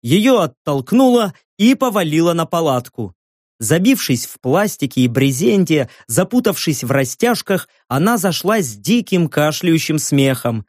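A woman reading an audiobook narration in a measured, expressive way. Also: sits low, no echo, clean studio sound. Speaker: audiobook reader.

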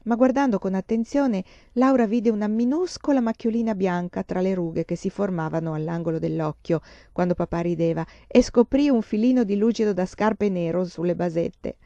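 A woman reading a children's novel aloud, with calm, even narration. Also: medium pitch, normal speed, few pauses, dry recording. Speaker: reader. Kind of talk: storybook reading. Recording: dull dry lo-fi sound.

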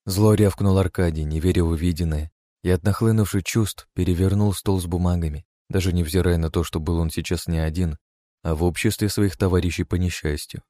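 A man narrating an audiobook with a steady, expressive reading, close to the mic. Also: low voice, a little fast, no room sound.

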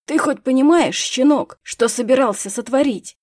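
A woman's voice: medium pitch, steady tone, normal speed, dark tone, husky, no room sound, clean studio sound. A woman voicing a male museum owner speaking with emphatic reproach in an audiobook. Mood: indignant. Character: older male museum owner, sad then indignant.

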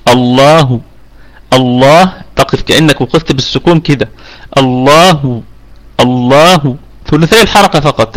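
A man from Egypt with an Egyptian Arabic accent, teaching Quran recitation rules in a live online lesson. He explains step by step, often checks that the listener follows, and slows down to demonstrate sounds. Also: on the high side, a bit bright, rough recording. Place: home room over online voice chat.

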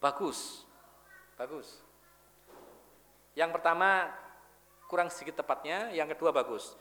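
A man's voice: sits high, bright, forceful tone. A man giving a religious lecture in a mosque, telling stories and putting questions to the audience. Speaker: Islamic preacher. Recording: long reverb of a mosque hall.

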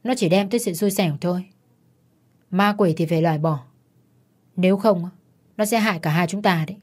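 A woman's voice: on the low side, a little fast, close to an everyday voice. Woman voicing a pushy scheming man. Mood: urgent, cold. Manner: urgent, pushy. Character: cold scheming man, callous lover.

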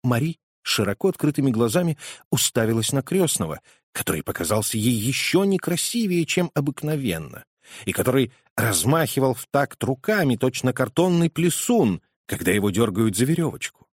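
Man reading a fairy tale with lively swings. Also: mid-range voice, normal speed, no echo, clean studio sound. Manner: animated, theatrical reading. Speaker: audiobook reader. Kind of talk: expressive storybook narration.

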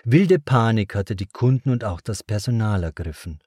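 A man reads a novel aloud in a measured and dramatic way. His voice is fairly low and husky. The recording is close and dry, with no room sound. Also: expressive, mellow, no echo. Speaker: audiobook narrator. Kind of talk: scripted narration.

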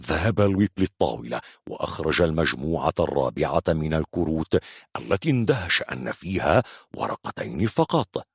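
A man narrating a thriller audiobook with a husky voice and dramatic delivery. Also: a bass voice, big pitch swings, brisk, dry recording, clean studio sound. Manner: dramatic, varied storytelling delivery.

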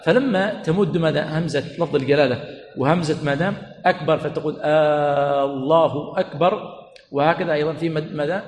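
A man teaching a religious lesson to students, quizzing them with repeated questions and stretching words slowly for emphasis. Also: fairly high pitch. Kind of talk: classroom lecture. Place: teaching center hall. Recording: echoey hall with long reverb, faint room noise.

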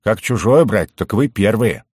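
A man's voice: lowish voice, animated, unhurried, a little mellow, slightly rough, no echo, pitched above the performer's own voice. A man voicing a surly, stingy male dwarf with a quarrelsome grumble, in a dry, close recording.

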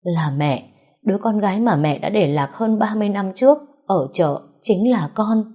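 A woman's voice: mid-range voice, expressive, normal speed, dark tone, voice pushed up, lightly acted. A woman voicing an older mother who speaks in a choked, sobbing way, in a storybook reading. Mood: weeping. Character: older birth mother, weeping and remorseful.

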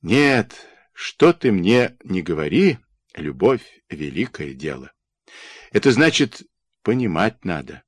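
A man's voice: sits low, very animated, slow, husky, no echo, clean studio sound, heavily acted. A man voicing a jovial, boastful young soldier who talks in teasing, folksy banter.

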